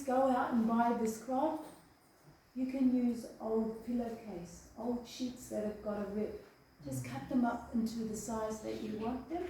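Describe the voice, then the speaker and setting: A woman's voice: fairly high pitch, dark tone, slight background noise. A woman from Australia giving a hands-on health demonstration, chatty, often checking in with "okay?" and "eh?". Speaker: health presenter. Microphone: far room microphone. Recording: echoey room from a distance.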